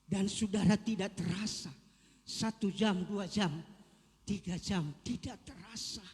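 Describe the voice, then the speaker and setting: A man delivers a sermon in a church with an emphatic, repetitive style. His voice sits very high. The sound trails off in a long church reverb. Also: fairly even intonation, measured pace, darkish tone. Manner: emphatic, repeats key words. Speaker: pastor.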